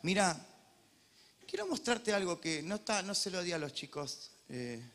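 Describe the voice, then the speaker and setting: A man with a Rioplatense Argentine accent preaching a sermon as pastor, joking, animated, and swinging from loud preaching to quiet asides. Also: high voice, unhurried. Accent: Rioplatense Spanish.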